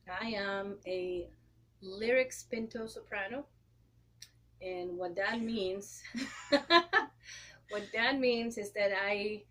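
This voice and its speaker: An opera singer and educator in her thirties from Costa Rica answers interview questions in English with a Costa Rican Spanish accent. Her medium-pitched voice is a bit bright, and she clears her throat often while explaining things.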